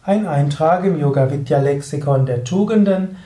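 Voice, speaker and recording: A man hosting a podcast as a yoga teacher, giving a spiritual teaching talk in a slow, measured way with drawn-out pauses. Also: on the high side, warm tone. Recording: roomy echo, mic at a distance.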